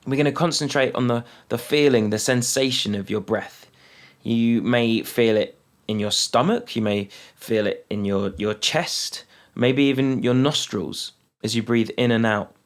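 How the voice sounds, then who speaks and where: A man guides a mindfulness meditation in a calm, unhurried medium-pitched voice, leaving long pauses between phrases.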